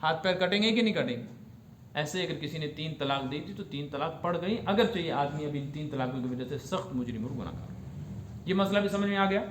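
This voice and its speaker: A man's voice: fairly high pitch, expressive, echoey room, a little hiss or hum. A man giving a religious lesson, explaining rulings step by step and asking his students whether they have understood. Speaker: religious teacher.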